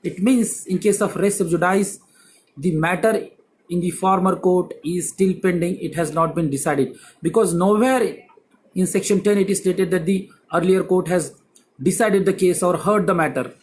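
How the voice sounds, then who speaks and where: A man's voice: high voice, normal speed, darkish tone, slight background noise, poor audio. A man, an advocate, giving a law lecture with emphatic repetition of key words. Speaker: advocate teaching civil procedure.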